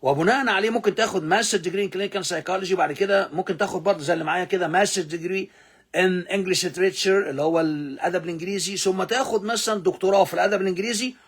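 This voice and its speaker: A man with an Egyptian Arabic accent teaching English, repeating words slowly for pronunciation drills and swinging between loud emphasis and low asides. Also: breathy edge. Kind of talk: English lesson explained in Arabic.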